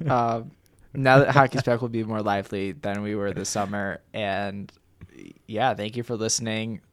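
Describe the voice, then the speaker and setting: A man's voice: lowish voice, steady tone, moderate pace. A man co-hosting a sports podcast in casual chat, talking in a loose, rambling way. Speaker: podcast co-host.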